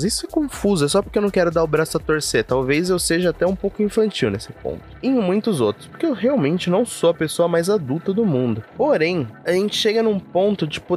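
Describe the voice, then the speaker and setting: A young Brazilian man with a Brazilian Portuguese accent talks straight to his viewers in a loose, self-deprecating monologue. His voice sits a bit high and swings widely in pitch. Faint music plays quietly behind him. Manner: chatty and self-mocking, full of asides. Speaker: vlogger. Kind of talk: casual confessional monologue.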